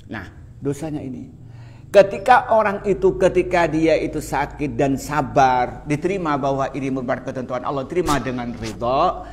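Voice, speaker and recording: A man's voice: medium pitch, moderate pace, slight background noise. A middle-aged man giving a religious lecture to a live audience, chatty and joking, often asking the listeners questions. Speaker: Islamic preacher.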